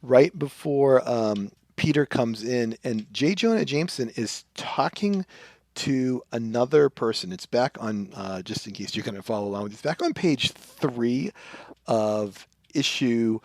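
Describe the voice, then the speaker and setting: A man's voice: medium pitch, animated, a little slow, a little mellow, no echo. A man hosting a comic book podcast, recapping issues in a rambling, casual way with lots of fillers. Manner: rambling, with many fillers, acts out lines in exaggerated voices. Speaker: podcast host.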